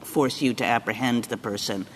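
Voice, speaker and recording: A man's voice: mid-range voice, steady tone, normal speed, big-room sound, slight background noise. A man questioning a lawyer as a judge in oral argument, pressing with repeated questions.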